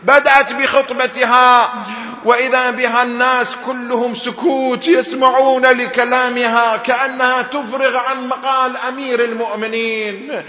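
A man preaching a mourning sermon, telling the story dramatically, dropping to low murmurs and rising to cries. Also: little pitch movement, moderate pace, sharp tone, roomy sound, lo-fi sound.

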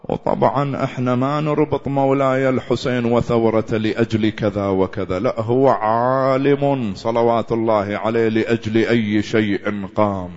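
A man with an Iraqi accent preaching a mourning sermon, swinging from loud to hushed and sometimes breaking into a chant. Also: mid-range voice, steady tone, normal speed, few pauses, dull audio.

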